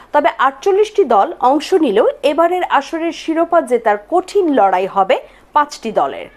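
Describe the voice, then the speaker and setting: A woman reading a scripted sports video intro in an emphatic announcing style. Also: sits high. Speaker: narrator.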